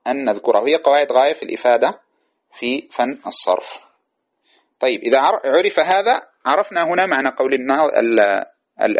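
A man teaching a classical grammar lesson, asking and answering his own questions and slowly reciting lines of verse. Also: mid-range voice. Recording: dull lo-fi recording.

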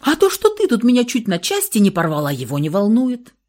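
A woman's voice: mid-range voice, wildly swooping pitch, brisk, darkish tone, voice pushed up. A woman voicing a dry, sardonic young man, a protective brother who grumbles and teases, in an audiobook reading. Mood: grumbling. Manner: wry, grumbling.

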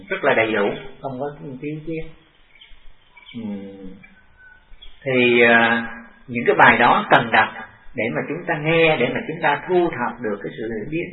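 An older man, a monk, giving a dharma talk to a class in a halting, deliberate way that repeats phrases. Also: mid-range voice. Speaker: monk teacher. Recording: distant, echoey, tinny lo-fi tape.

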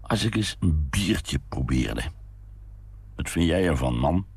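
A rambling, melancholy drinker of about fifty, as a man reads him out, mumbling and humming in a very deep, gravelly, husky voice. He drifts from thought to thought at a slow, unhurried pace. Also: lively intonation, exaggerated voice. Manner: mumbling, hums to himself, rambling. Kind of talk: read-aloud short story.

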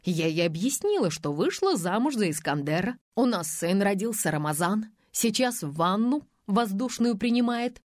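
A woman's voice: big pitch swings, normal speed, few pauses, no room sound, clean studio sound, natural voice. A woman reading an audiobook, voicing a quarrelsome young mother who shrieks and wails. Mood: aggrieved. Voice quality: shrill, crying out.

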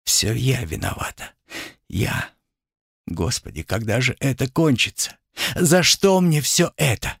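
A man voicing an anxious, tender young witch who pleads in an urgent, hushed way. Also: medium pitch, sing-song, unhurried, gravelly, husky, dry recording, clean studio sound, pitched above the performer's own voice, heavily acted. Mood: despairing.

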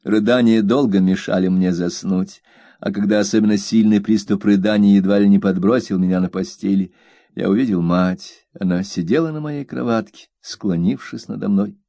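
A man narrating a novel in the first person, in an even, measured way. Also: lowish voice, gravelly, dry recording, studio quality. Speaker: audiobook narrator.

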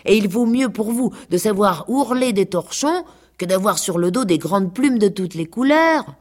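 A woman reading aloud and putting on a proud but wise storybook peahen, pitched above her own low voice. She lectures earnestly in a husky tone with lively swings of pitch. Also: moderate pace, natural voice. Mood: lecturing. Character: wise, preening female peacock giving lessons.

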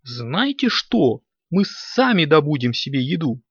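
A man voicing a confident, good-natured father cat who speaks with slow, knowing certainty, on a dull lo-fi recording. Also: mid-range voice, very animated, a bit bright, breathy edge, no room sound. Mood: decisive. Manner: decisive, knowing, slow and sure.

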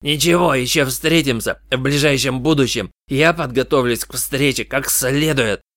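A beaten, furious private detective spitting threats, as a man puts him on. The voice is loud and slightly raised, each line a menace. The sound is dry. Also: mid-range voice, normal speed, no room sound, pitched above the performer's own voice, natural voice.

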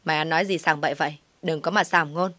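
A woman's voice: lowish voice, steady tone, normal speed, a bit bright, dry recording, natural voice. A woman reading the lines of a cold, dismissive young man who speaks curtly and mockingly. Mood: indignant. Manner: curt, mocking, raised voice.

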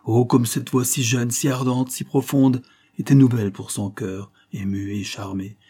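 A man reading a classic novel aloud as an audiobook narrator, in an expressive literary manner. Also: mid-range voice, normal speed, breathy edge. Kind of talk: scripted narration.

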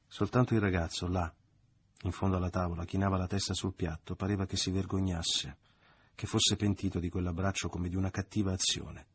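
A man narrating a literary audiobook in a measured, deliberate reading. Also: sits low, flat delivery, husky. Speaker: audiobook reader.

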